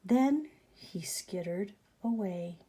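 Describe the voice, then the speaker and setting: A woman storyteller reading a picture book aloud for children over home video, gently, with whispered asides. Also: mid-range voice, lively intonation, slow, background noise. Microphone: webcam or phone video.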